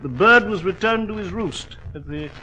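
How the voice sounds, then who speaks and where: An actor playing a loyal, excitable English doctor in a vintage radio drama, with a husky, emphatic delivery. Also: male voice, sits high, moderate pace, muffled recording. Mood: genial storytelling. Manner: emphatic, storytelling. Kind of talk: 1940s radio drama acting. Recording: vintage 1940s radio broadcast.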